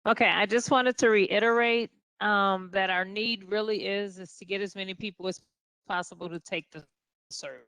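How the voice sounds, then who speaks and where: A woman's voice: mid-range voice, steady tone, normal speed, pushed and bright, clean tone. A woman speaking over an online group call whose audio keeps cutting out, making earnest town hall announcements. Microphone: computer mic on a video call.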